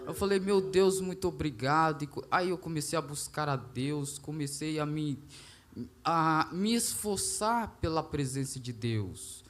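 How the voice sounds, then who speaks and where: A man with a Brazilian Portuguese accent speaks in a fairly high voice as he gives a heartfelt testimony in church. He talks earnestly and re-enacts his own pleading prayers with fervour. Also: unhurried, a bit bright. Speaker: church member giving testimony.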